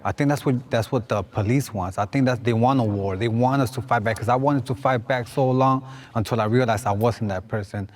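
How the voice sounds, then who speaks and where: A man's voice: medium pitch, fairly quick, hardly any pauses, darkish tone. A middle-aged man speaking in a reflective, plain-spoken way as a guest in a group discussion.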